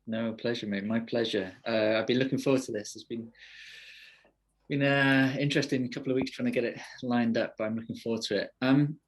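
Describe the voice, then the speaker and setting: A man's voice: medium pitch, fairly even intonation, brisk. A man hosting a podcast interview, casual and easygoing, with frequent hesitations. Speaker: podcast host.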